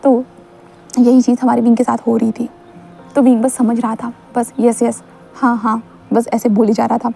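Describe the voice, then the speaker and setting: A woman's voice: fairly high pitch, level tone, moderate pace, vocal fry, warm tone, soft background music. A woman casually narrating a fan-fiction story and chatting directly to her listeners.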